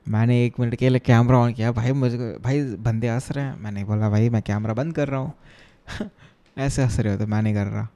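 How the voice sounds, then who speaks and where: Mellow-voiced young man streaming code. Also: mid-range voice, fairly even intonation, a little fast. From Chennai, India. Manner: chatty and joking, reading viewer chat aloud and answering it; mixes Hindi and English tech terms freely. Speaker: coding live streamer. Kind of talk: casual live-stream chat while coding.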